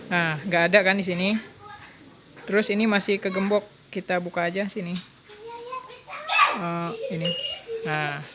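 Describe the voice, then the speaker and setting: A woman's voice: mid-range voice, a bit bright, slight background noise. A woman, demonstrating a motorcycle alarm step by step in a chatty way. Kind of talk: casual product demonstration.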